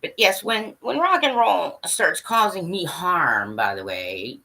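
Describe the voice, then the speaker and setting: A woman with a voice on the low side sounds very animated and sharp, speaking a little slowly. As a livestream host, she directly addresses her audience in a blunt, rambling monologue full of swearing and laughter, asking for agreement.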